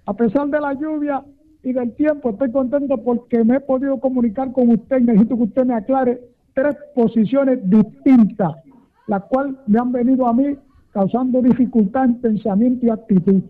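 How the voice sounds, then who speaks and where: A man's voice: extremely high pitch, steady tone, normal speed. An older man with a Puerto Rican accent calling in to a radio show, speaking in a formal, flowery, long-winded way. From Puerto Rico. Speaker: caller. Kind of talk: radio call-in. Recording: tinny phone line.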